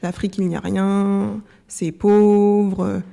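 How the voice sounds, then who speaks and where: Mellow-voiced young woman being interviewed. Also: medium pitch, little pitch movement, slow pace, creaky. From France. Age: 20s. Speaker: interview guest. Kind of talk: conversational interview.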